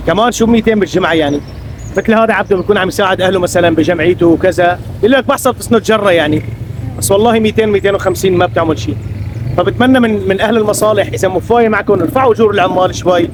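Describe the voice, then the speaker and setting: Fast-talking, high-pitched Syrian man vlogging. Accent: Syrian Arabic. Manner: chatty, addresses viewers as brothers. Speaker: vlogger interviewing locals. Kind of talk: casual street vlog chat. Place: outdoors on a town street. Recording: clear traffic noise, outdoor street.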